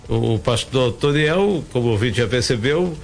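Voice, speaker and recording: A man's voice: medium pitch, lively intonation, moderate pace, faint music behind. A middle-aged man hosting a local radio interview, chatty and rambling with many restarts. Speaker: radio host.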